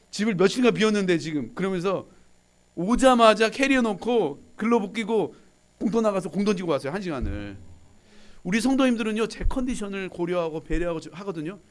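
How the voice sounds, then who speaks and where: Man, 30s, pastor, revival sermon, rapid delivery, family anecdotes, quoted dialogue, joking with congregation. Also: sits high. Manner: animated storytelling, quoting his son and congregation in dialogue. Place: church sanctuary.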